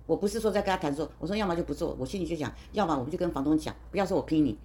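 Fast-talking woman in her sixties. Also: deep voice, expressive, a little mellow. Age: 60s. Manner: talkative, indignant, quoting dialogue, restarts and repeats words. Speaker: restaurant owner interviewed by her son. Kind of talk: casual storytelling interview.

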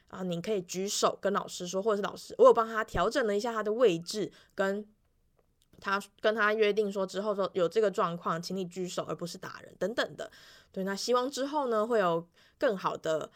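A young woman in her twenties talks casually about her music classes. Her storytelling is chatty and loose, full of small fillers and restarts, and she briefly mimics the children's voices when she quotes them. Her pitch sits in the middle range for a woman. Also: brisk. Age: 20s. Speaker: elementary music teacher. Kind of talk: casual weekly vlog monologue.

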